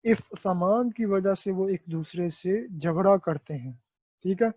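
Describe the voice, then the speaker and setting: A male teacher with a Pakistani Urdu accent, explaining a textbook exercise and repeating words slowly so students learn how to say them. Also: high voice, warm tone, breathy edge, no room sound, highs cut off. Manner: asks and answers his own questions.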